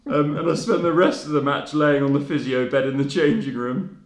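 A young man from England on a podcast, telling stories in a relaxed way with casual swearing. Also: a little high, fairly quick. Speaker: podcast co-host. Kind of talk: casual chat. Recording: roomy echo.

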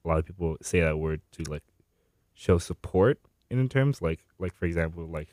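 A man's voice: deep voice, animated, moderate pace, darkish tone, dry recording. A twenty-year-old man from Miami answering interview questions casually and hesitantly, with lots of fillers. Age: 20s.

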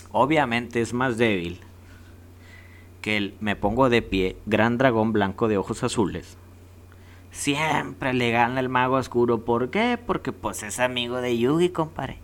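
A man with a Mexican accent hosting a casual countdown vlog, rowdy and jokey with heavy slang. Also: mid-range voice. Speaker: host.

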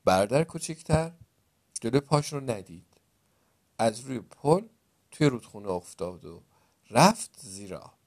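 A man's voice: medium pitch, big pitch swings, pauses often, a little mellow. A man narrating a folk tale who stops to explain words and quiz the listener, like a teacher reading aloud. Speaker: storyteller. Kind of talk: storytelling.

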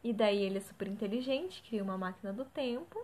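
A woman's voice: mid-range voice, a little fast, darkish tone. A young woman chatting casually about films she has watched, hesitant and full of fillers. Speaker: co-host reviewing films. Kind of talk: casual chat.

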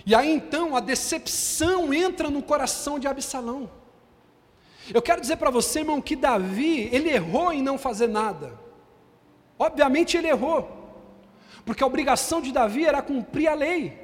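A man's voice: very high voice, expressive, moderate pace. A man with a Brazilian Portuguese accent preaching a sermon as bishop, emphatic and firing rhetorical questions at the congregation. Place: church hall. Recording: long reverb of a large hall.

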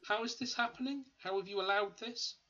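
A man's voice: high voice, a little fast, pushed and bright, lo-fi sound. A man co-hosting and editing a podcast in casual chat, playful and laughing often. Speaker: podcast co-host and editor.

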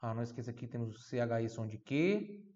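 A man teaching a language lesson in a patient, explanatory way, often slowing down to repeat example phrases. His voice sits at an ordinary middle pitch for a man. The recording sounds a little dull and lo-fi. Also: a little mellow. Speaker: Italian teacher.

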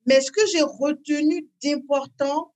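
A woman, talking as an interview guest in a hesitant way, with many fillers and repeats, then bursts of lively emphasis. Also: high voice, unhurried. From Benin. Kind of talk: conversational interview.

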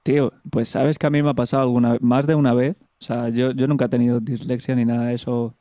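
A man with a Castilian Spanish accent talks as a casual show co-host. His tone is on the mellow side and the sound is dry. He speaks colloquially, swears, and repeats himself to press his point. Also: medium pitch, level tone, fast talker, dry recording. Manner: colloquial, sweary, insistent repetition. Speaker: co-host of a film talk show. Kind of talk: casual chat.

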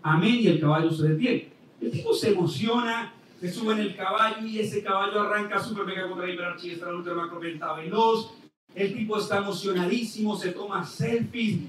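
Pastor, jokey sermon, high-pitched, very echoey hall. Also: male voice. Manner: joking, animated preaching. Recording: echoey hall, distant mic, faint noise.

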